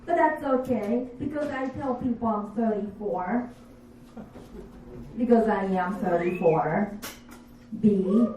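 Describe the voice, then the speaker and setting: A woman in her fifties, not a native English speaker, doing a stand-up comedy set with slow, deadpan, self-mocking delivery. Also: on the high side, a little hiss or hum. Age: 50s. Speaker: stand-up comic. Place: comedy bar stage. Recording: echoey bar room, distant dull mic.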